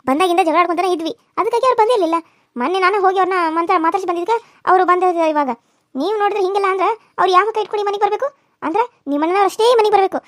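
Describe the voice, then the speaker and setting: A young village daughter-in-law in a cartoon, high and squeaky, argues and pleads at a fast clip, as a woman voices her. The sound is close and dry. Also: fairly bright tone, no echo. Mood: protesting. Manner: argumentative, pleading, quick protesting. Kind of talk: cartoon serial voice acting.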